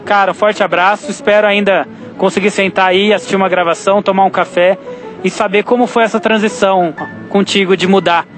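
A Brazilian man in his thirties leaves a call-in message on speakerphone while driving. His voice sits high, and he talks in an earnest, halting way, full of restarts and the odd swear word. Faint music plays underneath. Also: steady tone, a bit bright. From Campinas, Brazil. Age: 30s. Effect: phone call on speakerphone while driving. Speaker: caller. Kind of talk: casual phone message to a podcast host. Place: car.

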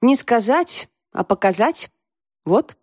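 A woman's voice: on the high side, very animated, slow pace, a little mellow, no echo, studio quality, voice pushed up, heavily acted. A woman reading an audiobook, voicing a frank, direct teenage girl in a raised voice. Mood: earnest. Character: earnest blunt teenage girl.

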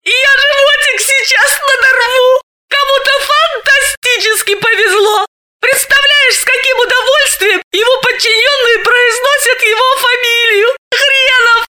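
A woman voicing a loud, bawdy woman friend in an audiobook, squealing, shouting and laughing through the lines. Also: extremely high pitch, sing-song, normal speed, pitched above the performer's own voice, heavily acted. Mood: laughing, shrieking. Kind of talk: audiobook character voice.

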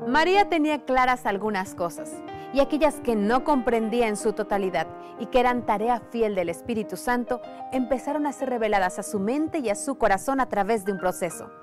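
A woman giving scripted documentary narration in a measured tone. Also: a little high. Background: background music.

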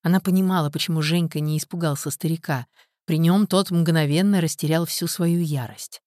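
A woman narrating an audiobook in an even, measured way. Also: low voice, dry recording, clean studio sound. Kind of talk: scripted narration.

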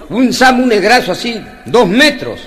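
A man's voice: high-pitched, fairly bright tone. A man with a Peruvian accent telling slangy jokes stand-up style, laughing at his own punchlines. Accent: Peruvian Spanish. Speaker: comedian. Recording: noisy lo-fi recording with clicks.

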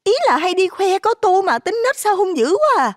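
A man voicing an exasperated woman neighbor who scolds loudly in a high, shrill voice. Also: sing-song, normal speed, heavily acted.

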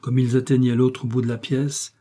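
Mellow, husky male storyteller. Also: mid-range voice, little pitch movement, moderate pace. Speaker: narrator. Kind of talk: audiobook narration.

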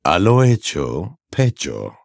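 A cold, calculating man who answers with calm sarcasm, as a man reads him. His voice is very deep and unhurried, with wide swings in pitch. An audiobook character voice with a dry, close sound. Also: gravelly, dry recording, full character voice. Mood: sardonic. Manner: slow, low and measured.

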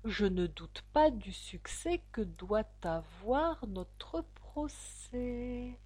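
A woman's voice: a little high, expressive, drawn-out words, darkish tone, exaggerated voice. Canichon, a woman reading a sly scheming dog judge. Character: menacing scheming dog judge in a verse tale.

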